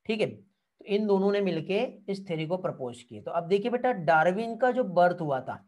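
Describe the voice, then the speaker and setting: A man with a high, expressive, somewhat dark voice speaks at a normal pace. He is a biology teacher running an online exam-prep lecture, calling his students "beta," asking "theek hai" again and again to make sure they follow, and responding to their comments.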